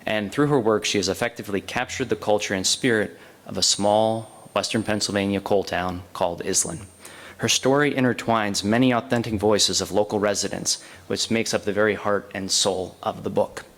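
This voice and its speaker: A man's voice: on the low side, moderate pace. A man hosting a historical society event, giving announcements and introducing the guest speaker, informal with many fillers. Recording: long reverb in a hall.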